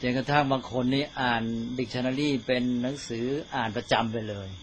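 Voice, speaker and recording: A man, a Buddhist monk, giving an informal dharma teaching to fellow monks in a slow, deliberate way, often checking that his listeners follow. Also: mid-range voice, steady tone, slight background noise.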